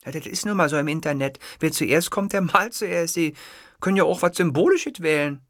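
A woman's voice: deep voice, animated, a little fast, no room sound. A young office clerk, played by a woman answers in a dry, unbothered, matter-of-fact way. Her slang stays casual. The recording is dry and close. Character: blunt young female Berlin office clerk. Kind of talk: audiobook character voice.

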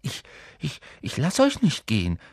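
A man's voice: high voice, wildly swooping pitch, normal speed, a bit bright, no room sound, studio quality, voice pushed up, heavily acted. Neville, a man doing a stammering nervous boy. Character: nervous stammering schoolboy, stubborn.

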